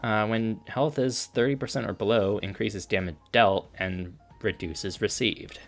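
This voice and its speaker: Low-voiced man streaming a game. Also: measured pace, faint music behind. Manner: relaxed, reads out game menus with filler ums. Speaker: gaming streamer. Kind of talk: casual let's-play commentary.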